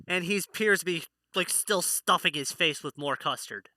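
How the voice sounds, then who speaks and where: A man's voice: a little high, normal speed, bright, forceful tone, no room sound. A man narrating a tabletop role-playing game as its playful game master.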